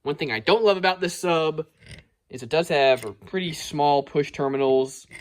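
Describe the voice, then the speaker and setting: A man reviewing car audio gear in an excited, folksy vlog style, often calling out to viewers. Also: a little high, moderate pace. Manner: excited, folksy, says "y'all" and "guys" a lot. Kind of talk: enthusiastic product review vlog.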